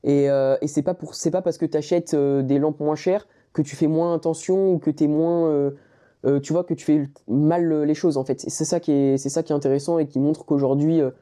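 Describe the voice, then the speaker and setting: A young man from France, a student, interviewing a guest in casual talk, halting and searching for his words. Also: a little high, fairly even intonation, warm tone. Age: young adult. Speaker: interviewer and channel host.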